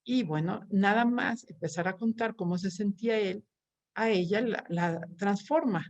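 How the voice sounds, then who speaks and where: A woman's voice: medium pitch, moderate pace, dull audio. A woman with a Mexican accent giving a conference talk as a therapist, telling stories with many restarts and tag questions. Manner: warm storytelling with frequent restarts and tag questions.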